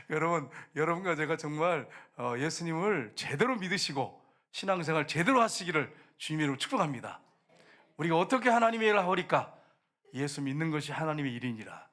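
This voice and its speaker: A male pastor preaching a sermon in a church, repeating his points with force and swinging between loud exhortation and soft asides. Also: a little high. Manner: repetitive emphatic phrasing. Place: church sanctuary.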